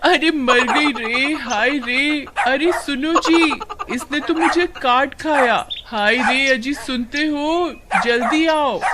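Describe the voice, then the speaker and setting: A woman voicing a young village wife who dotes on her dog, cooing and wailing in baby-talk, over loud background noise. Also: a little high, pitched above the performer's own voice. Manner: coos and wails, baby-talk to her pet.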